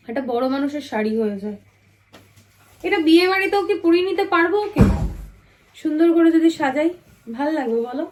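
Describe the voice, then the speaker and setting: Give me a woman chatting softly and sleepily at night in her home vlog, recorded on a phone. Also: high-pitched, poor audio. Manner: chatty, showing things to viewers. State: tired and sleepy. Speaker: vlogger. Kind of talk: casual home vlog chat.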